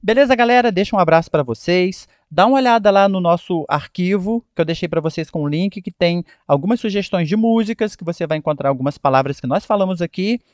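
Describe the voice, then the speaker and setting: A man's voice: high voice, fast, hardly any pauses, no echo. A man from Brazil with a Brazilian Portuguese accent, teaching an English pronunciation lesson online and talking straight to his viewers, often checking in with "ok?". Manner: lively, addresses viewers directly, keeps asking "ok?".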